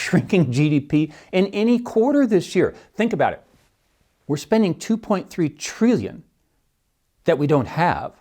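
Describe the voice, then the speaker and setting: A middle-aged man, a podcast host who also teaches economics, runs a solo show in a wry, scoffing manner, often laughing at his own points. His voice is medium-pitched and a little mellow.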